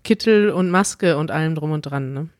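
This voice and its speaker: A woman co-hosting a podcast in casual chat, lively and quick to laugh. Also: low-pitched, dry recording, clean studio sound. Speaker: podcast co-host.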